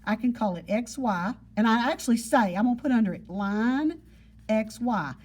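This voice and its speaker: A woman's voice: on the high side, lively intonation, moderate pace, darkish tone, slightly rough. A woman teaching geometry to a class, explaining patiently and repeating points with everyday examples. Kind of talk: classroom lesson. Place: classroom with students.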